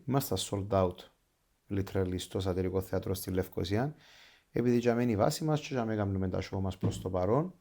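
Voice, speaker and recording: A man's voice: sits low, mellow. A man with a Cypriot Greek accent talking casually as an interview guest, enthusiastic and dropping English phrases into his Greek. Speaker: interview guest, pro wrestler.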